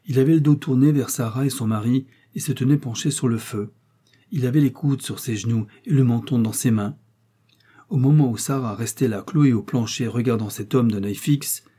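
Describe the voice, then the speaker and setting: A man reading a novel aloud in measured, scripted narration. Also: medium pitch, warm tone, husky. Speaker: audiobook reader.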